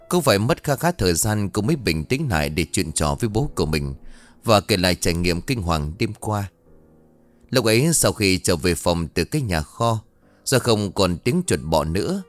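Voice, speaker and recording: A man with a low voice tells a ghost story, his pitch rising and falling dramatically to build suspense. Soft music plays faintly behind him. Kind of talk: scripted narration of a ghost story.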